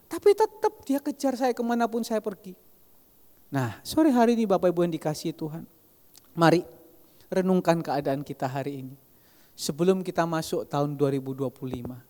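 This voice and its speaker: A man preaching a sermon, telling stories in an animated way and often addressing the congregation directly. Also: high-pitched. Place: large church hall. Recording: reverberant church hall.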